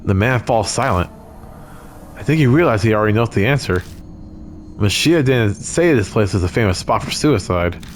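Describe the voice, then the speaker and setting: A man's voice: on the low side, animated, moderate pace, a little hiss or hum. A man hosting a game video, reading the game text aloud and reacting with jittery swearing and nervous laughs. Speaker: let's play host.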